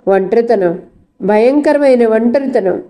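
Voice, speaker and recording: Brief: woman narrator doing a guarded, lonely young lecturer, quiet and curt, mellow tone, storybook. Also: fairly high pitch, a little slow, natural voice. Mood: subdued.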